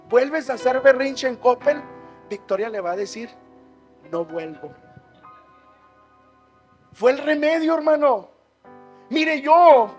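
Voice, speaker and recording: High-voiced Mexican preacher, soft then shouting. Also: male voice. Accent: Mexican Spanish. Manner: calls listeners "hermano" constantly, swings from hushed to shouting. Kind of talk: sermon.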